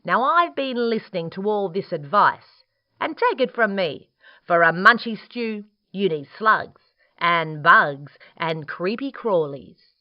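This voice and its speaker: A bristly male echidna from a storybook, voiced by a woman, bossy and emphatic. The delivery is loud and swinging, with a slightly dull sound. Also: mid-range voice, expressive, slow pace, dry recording.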